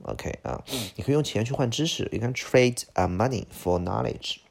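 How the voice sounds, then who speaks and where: Gravelly, husky-voiced man teaching English vocabulary. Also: mid-range voice, expressive, normal speed. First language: Chinese. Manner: explains each word, repeats pronunciations, frequent "OK". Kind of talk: vocabulary lesson.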